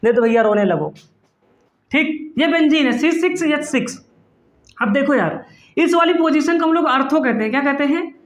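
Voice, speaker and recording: A man's voice: very high voice, animated, normal speed, reverberant. Playful, teasing man teaching chemistry. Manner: playful, teasing, answers his own questions; calls students "beta" affectionately. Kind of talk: online class lecture.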